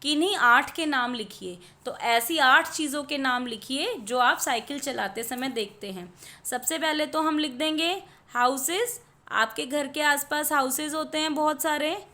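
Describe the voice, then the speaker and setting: High bright woman teaching slowly. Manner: patient, explains each answer, sounds out words slowly. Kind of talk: worksheet lesson in Hindi with English words.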